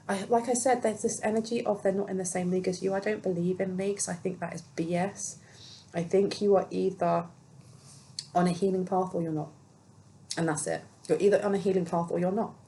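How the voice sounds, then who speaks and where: A woman's voice: mid-range voice, gravelly, slight background noise, low-quality recording. Chatty woman doing a tarot reading. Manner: chatty, animated, reads card meanings aloud. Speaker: tarot reader. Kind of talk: casual tarot reading to camera.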